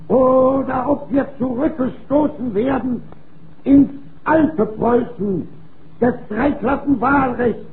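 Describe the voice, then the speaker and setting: A man giving an emphatic, declamatory political campaign speech in deliberate phrases, in the style of the 1930s. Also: very high-pitched. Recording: tinny, noisy early 1930s recording.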